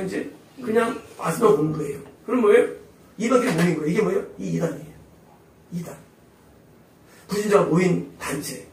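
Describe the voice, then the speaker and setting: A male pastor preaching a sermon emphatically, constantly asking the congregation rhetorical questions. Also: high voice. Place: church sanctuary. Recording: echoey hall, voice from far off.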